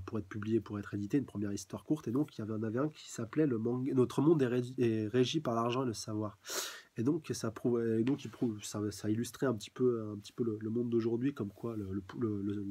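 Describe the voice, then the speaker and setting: A man's voice: medium pitch, mellow, husky. A young man doing a casual live review of a manga, talking hesitantly with many restarts.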